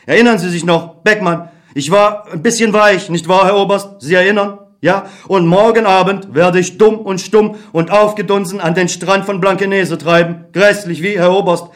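A man reads a worn-out young ex-soldier in a dramatic stage-play reading, his voice pitched high for a man. The soldier speaks with biting, mocking irony and deep weariness. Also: fairly even intonation, normal speed, hardly any pauses, close to an everyday voice. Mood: accusing. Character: bitter young male ex-soldier, weary and sarcastic.

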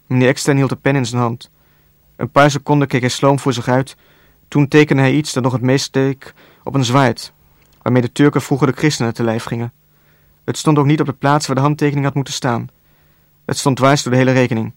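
Male audiobook narrator, steady flat read, dry close mic. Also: medium pitch, brisk, no room sound. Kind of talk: scripted narration.

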